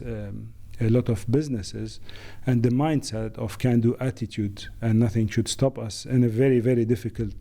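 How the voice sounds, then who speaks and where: Answering interview questions in a halting, reflective way full of fillers, this middle-aged managing director from Lebanon has a mellow, medium-pitched voice.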